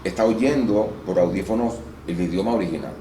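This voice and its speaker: A man's voice: fairly low pitch, brisk. A man, an actor and voice-over artist in a casual interview, explaining at length and with some restarts. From Venezuela. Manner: explanatory, lively storytelling with restarts. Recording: roomy room with faint noise.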